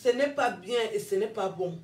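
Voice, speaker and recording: A woman with a Cameroonian French accent, a social media personality, rants to her followers in a self-filmed clip, scolding, repeating herself and laughing between lines. Her medium-pitched, somewhat dark voice is animated and moderately paced, heard far from the mic in a reverberant room.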